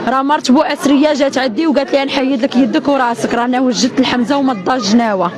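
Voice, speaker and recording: A high-pitched young Moroccan woman pours out an angry, tearful account in the street. She talks fast and insistently, repeating phrases in distress, with a loud crowd around her. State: crying, upset. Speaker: bereaved widow giving an eyewitness account. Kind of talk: emotional street testimony to an interviewer. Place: outdoors in a residential street.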